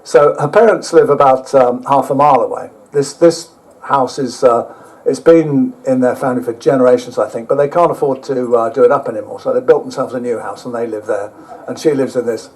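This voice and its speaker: A man's voice: medium pitch, darkish tone, low-quality recording. A man telling a rambling, self-mocking travel story to a live audience, with casual swearing. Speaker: speaker at an overland motorbike event.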